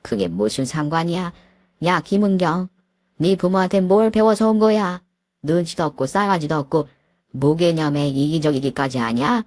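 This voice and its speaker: A domineering older mother-in-law with a sharp tongue, sneering and drawing out her scolding words, as a woman acts her out. Her voice sits low for a woman, and the recording is dry and close. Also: normal speed, no echo. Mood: scornful.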